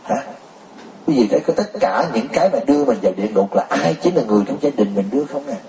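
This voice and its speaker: Male preacher, relaxed warm tone, teasing questions, roomy recording with faint background noise. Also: medium pitch, fast, gravelly. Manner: keeps pressing the crowd with rhetorical questions, often laughing. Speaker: Buddhist teacher. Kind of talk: sermon to a congregation. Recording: roomy, distant mic.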